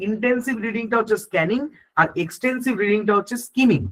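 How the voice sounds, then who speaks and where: A man's voice: sits high, quick pace, a bit bright, low-quality recording. A man teaching an online exam-prep class, explaining step by step, asking questions on his students' behalf and answering them, and often checking that they follow.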